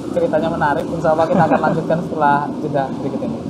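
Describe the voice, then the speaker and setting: Male TV host, slightly high voice. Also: little pitch movement. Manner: measured, with frequent brief acknowledgments. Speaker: TV talk show host. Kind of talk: religious TV interview hosting. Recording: loud background noise.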